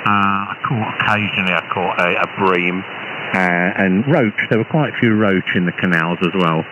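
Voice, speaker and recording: This British ham radio operator has a deep voice, heard through a transceiver over shortwave with the muffled, noisy character of a radio transmission. He chats casually but hesitates, halting and restarting again and again.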